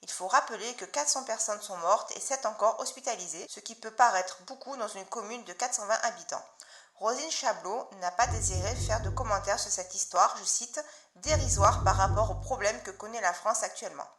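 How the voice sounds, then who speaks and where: A woman's voice: mid-range voice, normal speed, a bit bright, lightly acted. Woman acting a composed, echoey news reporter. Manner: formal newsreader delivery. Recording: echoey, with music behind.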